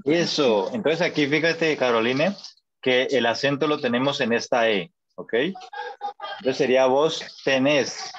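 A man's voice: mid-range voice, measured pace, fairly bright tone, slight background noise. A man teaching a Spanish class over a video call, patient and encouraging, often checking that students follow. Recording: dull lo-fi call audio.

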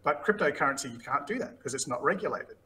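A man talking as a podcast guest, his voice bright and forward. He tells lively anecdotes in a casual way and acts out the voices of the people in them. A faint hiss sits under the recording. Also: medium pitch, fast talker, poor audio. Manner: lively anecdotes, often acting out what others said. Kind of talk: casual interview storytelling.

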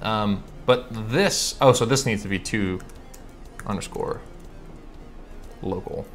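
A man from California hosting a casual live coding stream, chatting and thinking aloud, reading code out slowly with lots of fillers and self-corrections. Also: on the low side, faint music behind. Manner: reads code aloud slowly while typing. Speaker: livestream host answering coding questions.

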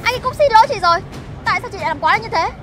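A woman's voice: extremely high pitch, expressive, racing. An actress playing an indignant young woman who defends her boyfriend against a rude shop owner. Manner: indignant, protective. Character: indignant, loyal young girlfriend. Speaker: girlfriend. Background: background music.

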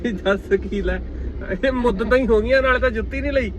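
A man's voice: very high-pitched, brisk. A man with a Malwai Punjabi accent, chatting as a vlogger in a dramatic, exasperated way full of rhetorical questions. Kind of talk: casual vlog chat. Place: in a car on the road. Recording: muffled audio with loud car noise.

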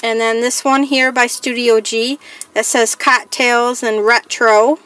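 A woman with a slightly higher-pitched voice talks through a crafting haul in a casual show-and-tell way. She reads each piece aloud in a plain, listing manner, chatty and unhurried. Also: steady tone, fairly bright tone. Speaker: crafting vlogger.

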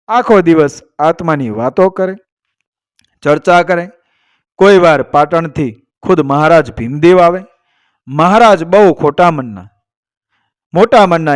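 A man's voice: on the high side, no echo, studio quality. Man telling a folk tale. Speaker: storyteller.

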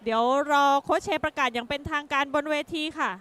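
Female boxing co-commentator, excited chatty commentary, extremely high pitch, bright forceful tone. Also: fast talker.

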